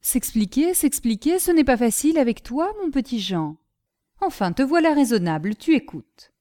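A woman voicing a kindly old male marquis who speaks to his nephew in an indulgent, gently teasing way. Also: high voice, sing-song, normal speed, dry recording, studio quality, voice pushed up.

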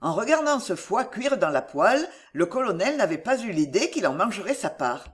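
Expressive audiobook narrator. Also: mid-range voice, moderate pace. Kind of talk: reading a novel aloud.

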